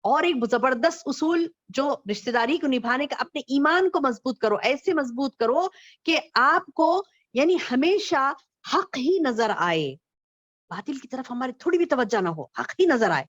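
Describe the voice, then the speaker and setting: A woman with a fairly high voice preaching to a women's gathering, circling back over her points and asking the listeners questions. She slows down to recite scripture, then explains it. The recording sounds dull and lo-fi. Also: animated. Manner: repeats phrases and asks rhetorical questions; recites Arabic verses slowly, then explains them. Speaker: female Islamic scholar teaching women. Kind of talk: religious lecture.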